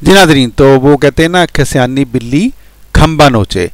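A man's voice: mid-range voice, no echo. A man hosting a commentary video, addressing his viewers directly and mocking his opponent. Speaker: channel host. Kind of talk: commentary on played voice messages.

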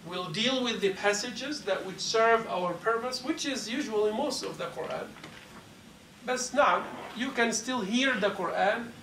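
Speaking in a high-pitched, pushed and bright voice, a man delivers a measured, explanatory mosque class lecture and takes questions from students. The large carpeted hall makes the audio echoey, and the lapel mic plus distant camera leave a slight hiss.

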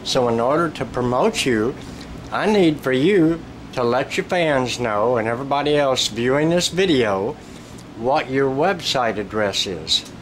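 A man hosts an interview in a cramped dressing room, asking slow, joking questions in a mid-pitched voice. A steady air-conditioning hum sits clearly under his speech. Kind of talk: casual interview. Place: small dressing room, indoors.

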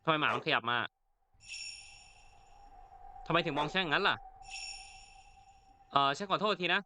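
Bright-voiced man narrating a horror game. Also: on the high side, animated, unhurried, a little hiss or hum. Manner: chatty reactions, reads in-game text aloud. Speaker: gaming channel host. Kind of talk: let's play commentary.

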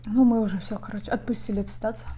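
A woman's voice: mid-range voice, fairly even intonation, rapid-fire, mellow, husky. A woman vlogger chatting casually while eating, talking with her mouth full of food so her words come out muffled. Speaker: mukbang vlogger.

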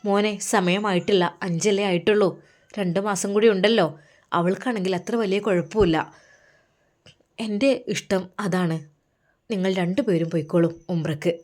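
A woman voicing a kindly, caring mother who speaks in a gentle, motherly way. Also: mid-range voice, steady tone, moderate pace, pauses often, close to an everyday voice.

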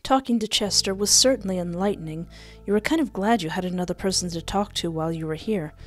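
A young woman with a fairly low, quick voice hosts a gaming video, trading casual let's-play commentary for dramatic read-aloud narration. She's close to a desk mic with a headset, and music plays behind her.

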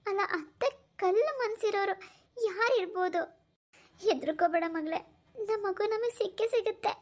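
Cartoon role: high-voiced middle-aged mom, soothing and guilt-ridden, played by a woman. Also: moderate pace. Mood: consoling. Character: middle-aged mother, comforting her daughter. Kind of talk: cartoon voice acting.

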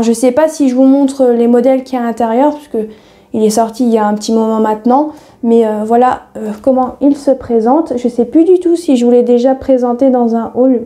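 A woman's voice: a little high, mellow. A woman chatting casually in a sewing haul video, rambling with many hesitations and laughing at herself. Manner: self-deprecating, easily laughing. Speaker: sewing vlogger.

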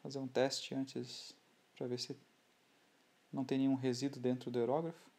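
A man with a Brazilian Portuguese accent explaining scale model building in a relaxed, halting way, often restarting his sentences. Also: mid-range voice. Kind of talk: hobby tutorial voice-over.

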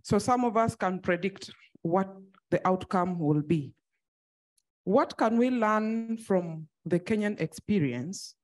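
A woman from South Sudan, an NGO director and activist, asking a measured, thoughtful question into a handheld mic in a conference hall. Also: medium pitch. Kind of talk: floor question at a panel.

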